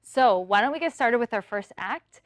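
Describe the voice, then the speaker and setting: A woman plays a cheerful talent-show host with bright presenter patter. Her voice sits a bit high and sounds dry and close. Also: animated, moderate pace, no room sound, natural voice.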